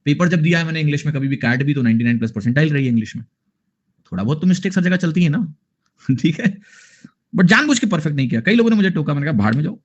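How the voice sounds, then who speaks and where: A man's voice: fairly high pitch, expressive, rapid-fire, muffled recording. Chatty Indian male math teacher. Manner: chatty, jokey, mixes Hindi with English phrases. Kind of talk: online math class with chatty asides.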